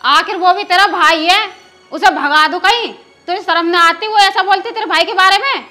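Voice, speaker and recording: A woman's voice: very high-pitched, normal speed, pushed and bright, faint music behind. A woman playing an indignant rural mother-in-law who nags and scolds. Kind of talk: rural film drama acting.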